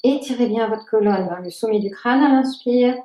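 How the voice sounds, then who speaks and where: A woman guiding a yoga class, calmly cueing breath and movement and sometimes sinking to a near whisper. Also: fairly high pitch, moderate pace, distant mic. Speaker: yoga teacher. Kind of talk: guided yoga instruction. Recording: roomy echo, voice from off-mic.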